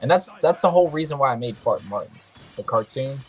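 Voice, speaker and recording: Over soft background music, this gaming commentator jokes around casually and trash-talks opponents in slang. His mid-range voice is expressive, a little fast, a little mellow, husky, and sometimes slightly nasal.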